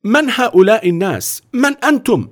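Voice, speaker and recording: A man's voice: high-pitched, big pitch swings, fairly quick, a bit bright, pitched above the performer's own voice. A man voicing a large, contemptuous English hospital director who gives orders with disdain, in a storybook reading. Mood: scornful commanding. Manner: contemptuous, commanding.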